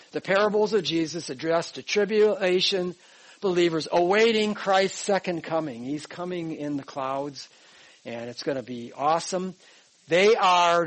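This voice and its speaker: An older man in his sixties with a notably high voice leads a Bible class from his notes. He talks in an emphatic, conversational way and keeps checking in with his listeners through "all right?" and "okay". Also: poor audio. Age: 60s. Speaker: pastor teaching a Bible class.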